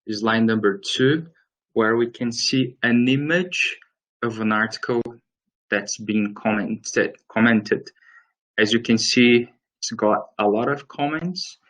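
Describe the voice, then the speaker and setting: This webinar presenter is a man from Brazil in his late thirties whose Brazilian Portuguese accent colors a mid-range, slightly bright voice. He hesitantly explains his slides in a semi-scripted instructional talk, captured on a rough recording.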